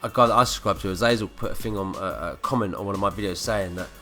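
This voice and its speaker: A man's voice: deep voice, fast, sharp tone. A man with a blocked nose from a cold, ranting and swearing through gameplay commentary. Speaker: gaming commentator. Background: faint background music.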